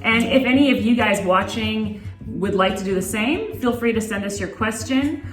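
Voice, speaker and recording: A woman's voice: on the high side, lively intonation, normal speed, roomy sound, soft background music. A woman hosting an opera singing lesson, talking casually and stumbling over her words as she explains technique. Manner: chatty, restarts and fillers, demonstrates by singing. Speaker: opera singer and vocal coach host. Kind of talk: casual vocal lesson chat.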